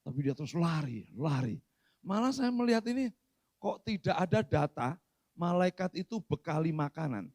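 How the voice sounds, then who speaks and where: A middle-aged man preaches a sermon with dramatic swings between loud outbursts and quiet asides. His voice sits fairly high for a man. The church sound is dry and close. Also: sing-song, moderate pace, no room sound. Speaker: pastor.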